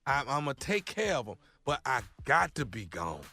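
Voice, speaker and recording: A man's voice: mid-range voice, big pitch swings, moderate pace, pushed and bright, faint music behind. An American man co-hosting a morning radio show, trading comic banter in a blunt, exclamatory way. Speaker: comedic radio show co-host.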